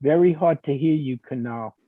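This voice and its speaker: A man's voice: on the high side, normal speed, no room sound. A man, a guest astronaut, giving short encouraging comments to young people on a video call. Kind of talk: casual remarks on a livestream. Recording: tinny dry phone-like line.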